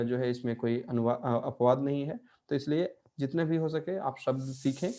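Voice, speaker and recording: Calm, mellow-voiced male teacher. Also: mid-range voice. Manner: explanatory, checks in often with "है ना?" and "ठीक है?". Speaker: Portuguese language teacher. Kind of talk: online language lesson.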